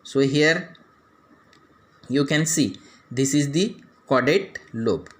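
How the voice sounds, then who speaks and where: A man's voice: mid-range voice, lively intonation, slow. A man with an Indian English accent teaching anatomy, pointing out parts on a model step by step, with frequent "that is" and "after then" phrasing. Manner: explains step by step, pointing out structures. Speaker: anatomy lecturer.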